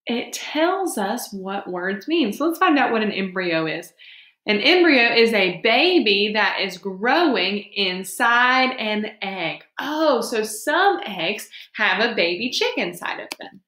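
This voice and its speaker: A woman teacher reads aloud interactively to young children, explaining things simply and expressively and asking questions as she goes. Her mid-range voice is sing-song, pushed and bright, and she takes it slowly, with roomy, echoing sound.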